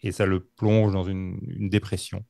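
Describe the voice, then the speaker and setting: Guy telling a true crime story, gravelly low voice, lots of euhs, dry close sound. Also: level tone, dark tone, no room sound. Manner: halting, many fillers and restarts. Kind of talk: casual storytelling.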